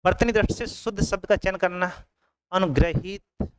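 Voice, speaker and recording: A man's voice: sits high, normal speed, smooth, no echo, rough recording. A man teaching an exam coaching lesson, repeating each word and often checking in with his students.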